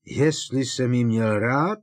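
A man voicing an elderly, fussy and sentimental potions teacher in an audiobook, talking in halting, emotional bursts. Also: lowish voice, lively intonation, dry recording. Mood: tearful.

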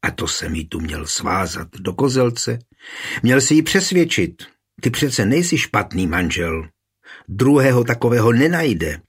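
A man's voice: medium pitch, lively intonation, lightly acted. A man voicing a fiery, blunt middle-aged noblewoman who scolds in a raised, heated voice, in an audiobook reading. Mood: furious scolding.

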